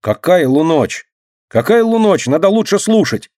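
Man voicing a pompous know-it-all boy, high-pitched, gallant, dry husky voice. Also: big pitch swings, normal speed, a little mellow, no echo. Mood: indignant. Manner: indignant, gallant, affected.

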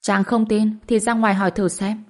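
A woman's voice: mid-range voice, level tone, normal speed, pitched above the performer's own voice, natural voice. A woman voicing a playful, teasing young wife in an audiobook. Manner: teasing, mischievous. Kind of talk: audiobook character voice.

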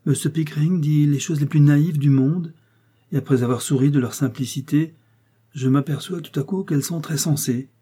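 Proud aristocratic woman read by a man, declamatory, dark husky voice. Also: on the high side, steady tone, moderate pace, voice pushed up. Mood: teasing. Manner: declamatory, emphatic.

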